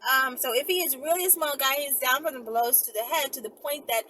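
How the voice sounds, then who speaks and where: A video channel host rambles casually to her viewers, blunt, slangy and animated, often sidetracking herself. Her voice is high-pitched and fairly quick. She's outdoors near houses, recorded on a phone in a holder, so the audio is noisy with passing vehicles.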